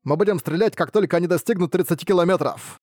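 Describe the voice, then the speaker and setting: Guy doing a cool-headed sword master general, steady commanding orders, slightly high voice, dry close audiobook sound. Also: fast, no echo. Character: calm, calculating male sword hall master general. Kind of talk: audiobook character voice.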